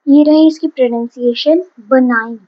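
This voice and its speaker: A woman's voice: sits high, steady tone, normal speed, dull audio. A woman teacher giving a vocabulary lesson, patiently explaining each word and switching between Hindi and English.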